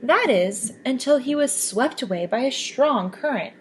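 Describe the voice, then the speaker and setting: A woman reading a children's picture book aloud with expressive, animated storytelling. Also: sits high, unhurried, a little hiss or hum. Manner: expressive, lively storybook voices.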